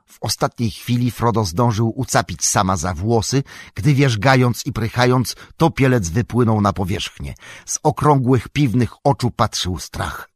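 A man narrating an audiobook in an expressive, animated storytelling manner. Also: mid-range voice, normal speed, breathy edge, dry recording. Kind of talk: scripted narration.

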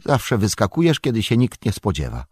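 A man voicing an excitable, fussy middle-aged male innkeeper who rambles and frets. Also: lowish voice, moderate pace, husky, dry recording, studio quality, pitched above the performer's own voice, exaggerated voice. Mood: fretful.

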